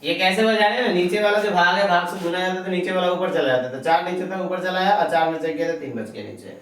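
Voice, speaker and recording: A man leads an exam-prep math lesson in a fairly high voice. He keeps quizzing his students and answering himself. The mic sits well away in a very echoey room with a faint hiss. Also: fast, fairly bright tone, distant mic. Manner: asks himself questions and answers them, coaxing; fondly calls students "babu". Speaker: math teacher. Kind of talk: online exam-prep lecture.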